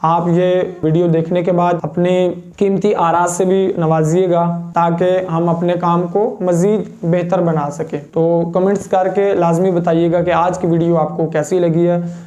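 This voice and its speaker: A man teaching Quran pronunciation, patiently demonstrating each letter sound slowly. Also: high voice, dark tone. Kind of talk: step-by-step pronunciation lesson.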